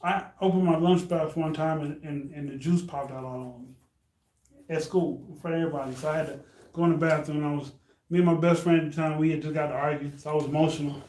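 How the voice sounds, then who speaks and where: High-voiced slangy storyteller man. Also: fairly even intonation, quick pace, a little mellow, reverberant. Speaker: podcast co-host. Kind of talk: casual chat, storytelling.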